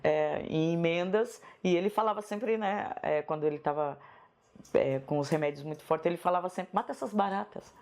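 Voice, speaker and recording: A woman with a Northeastern Brazilian accent, speaking in a slightly low voice. She reminisces at a soft, unhurried pace and keeps checking in with a gentle "né?". She sounds like a writer being interviewed for a documentary. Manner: soft-spoken, unhurried, tags phrases with "né?". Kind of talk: reflective personal reminiscence.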